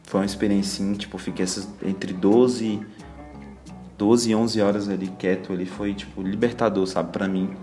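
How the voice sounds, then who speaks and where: A man's voice: fairly low pitch, flat delivery, normal speed, warm tone, faint music behind. A young man with a Brazilian Portuguese accent, sharing a casual devotional reflection in a chatty, laid-back way full of slang fillers.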